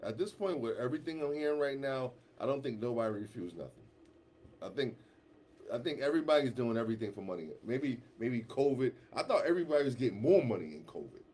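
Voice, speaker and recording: A man co-hosting a casual radio talk show, animated and slangy, laughing often and repeating himself. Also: medium pitch, quick pace, breathy edge.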